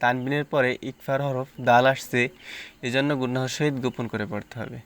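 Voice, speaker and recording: A man teaching Quran reading, spelling out letters and reciting words slowly between plain explanations. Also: medium pitch, fairly even intonation, a bit bright, smooth.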